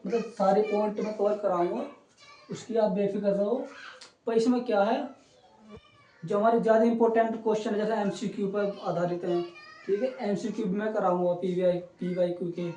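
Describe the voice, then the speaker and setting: A man's voice: high voice, mellow, recorded from a distance, slight background noise. Man teaching physics in an echoey room. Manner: chatty, repeats "ठीक है" and checks on students. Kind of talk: online coaching lecture. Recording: roomy echo, voice away from the mic.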